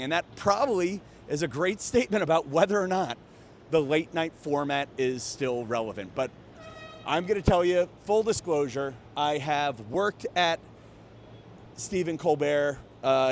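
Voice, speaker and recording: A comedian and host with a fairly high voice delivers a casual, joking vlog monologue in a conversational way. He speaks into a small remote microphone paired with a phone, with slight background noise.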